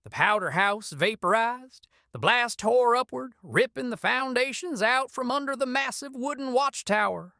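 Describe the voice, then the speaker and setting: A woman's voice: fairly high pitch, animated, normal speed, gravelly, hardly any pauses, pushed and bright, no room sound, clean studio sound. A woman narrating a frontier adventure story in an intense, scripted style.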